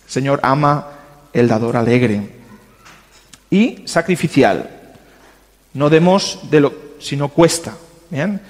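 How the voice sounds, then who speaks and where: A man's voice: mid-range voice, lively intonation, slow pace, long pauses. A man teaching a church class on money, conversational and often checking in with the audience with short tag questions. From Spain. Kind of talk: church lesson on finances. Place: church hall. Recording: long hall reverb.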